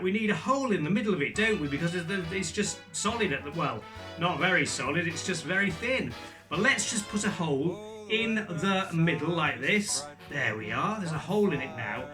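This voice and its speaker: High-pitched guy doing kids party magician patter, mock-bumbling and chatty, a bit far from the mic with music behind. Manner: playful kids party magician, mock-bumbling, coaxing young audience with questions. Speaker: children's magician entertainer presenting a Christmas show. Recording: distant microphone, music behind.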